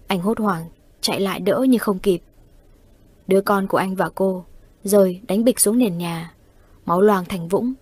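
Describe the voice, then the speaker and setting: Calm woman narrating ghost stories. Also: mid-range voice, moderate pace, pauses often, breathy edge, no room sound. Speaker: storyteller. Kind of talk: horror story narration.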